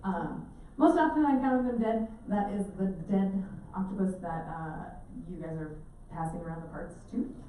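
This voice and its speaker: A woman giving a talk to a live audience, telling animated stories and acting out the voices in them. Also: mid-range voice, normal speed, few pauses, a little hiss or hum. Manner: animated, acts out quotes with laughter. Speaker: presenter giving an octopus talk. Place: indoor event space with audience. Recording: echoey room, mic from a distance, faint ambience.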